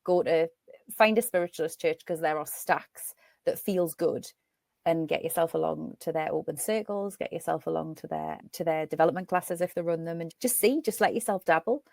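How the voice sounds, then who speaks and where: Geordie woman, middle-aged, lowish voice, dry close sound, lively storyteller on a video call. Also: normal speed, vocal fry, no room sound. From North East England. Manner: chatty, animated storyteller. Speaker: podcast guest, medium. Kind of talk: casual chat.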